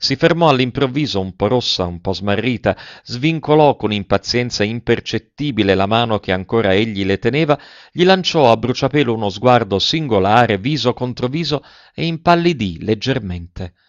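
A man reading a classic novel aloud in a measured, literary manner. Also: medium pitch, animated, dry recording, lo-fi sound. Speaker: narrator.

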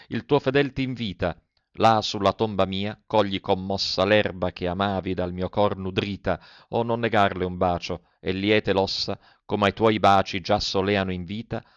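Male reciter, low resonant voice, dramatic verse reading, dull lo-fi sound. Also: no echo. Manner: declaiming, with slow solemn pauses. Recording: dull lo-fi recording.

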